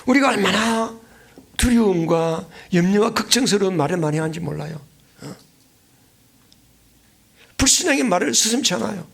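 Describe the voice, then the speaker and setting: A man's voice: high-pitched, lively intonation, normal speed, vocal fry, pauses often, breathy edge. A male pastor preaching a sermon, earnestly repeating key phrases and often prompting his congregation with questions. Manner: keeps asking the congregation questions and prompting replies.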